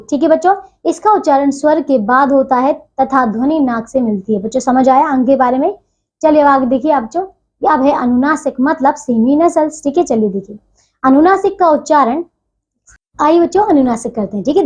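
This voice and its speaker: A woman teaching a grammar lesson to children, slowing down to spell out each sound and checking in again and again. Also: high-pitched, a little mellow. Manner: repeats "ठीक है" as a check-in, slows to spell out sounds. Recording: dull lo-fi audio.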